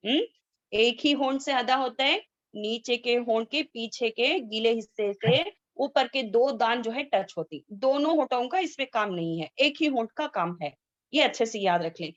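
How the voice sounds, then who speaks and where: A woman teaching Quran recitation in an online class, asking students questions and slowly drilling sounds. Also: on the high side, no room sound. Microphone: video call. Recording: dull lo-fi video call audio.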